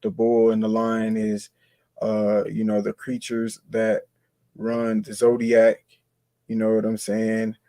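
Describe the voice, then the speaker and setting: Low, flat-voiced man explaining things casually. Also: slow, no echo. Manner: explaining, loose and conversational. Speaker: co-host. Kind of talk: casual spiritual discussion.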